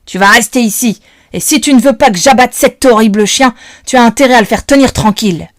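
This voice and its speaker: A woman voicing a gruff, threatening grown man who holds children captive, menacing and domineering. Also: on the high side, a little fast, no echo, clean studio sound, voice pushed up, lightly acted. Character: gruff threatening adult male kidnapper.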